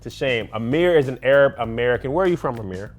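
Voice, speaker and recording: A young man hosting a casual panel show, playful and quick with jokey asides. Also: medium pitch, lively intonation, soft background music. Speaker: show host.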